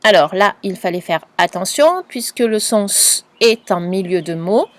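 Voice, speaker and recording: A woman teacher giving a patient, clearly spoken dictation lesson to a young pupil, spelling out letters and sounds. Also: mid-range voice, lively intonation, normal speed, dry recording. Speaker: primary school teacher.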